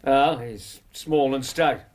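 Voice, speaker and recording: An actor plays a loyal Victorian doctor in a radio play. His English voice sits at a middle pitch. He speaks plainly and earnestly, as a decent companion with a touch of hesitancy. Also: slow, natural voice. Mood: observant, bemused. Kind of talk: British radio drama acting.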